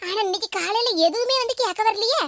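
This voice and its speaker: A woman doing a squeaky, rapid-fire cartoon neighbor auntie with a Tirunelveli Tamil accent. She fusses with quick questions and homely chatter in a high, sped-up voice. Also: a bit bright, slight background noise. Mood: curious. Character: concerned older neighbor woman, curious about gossip.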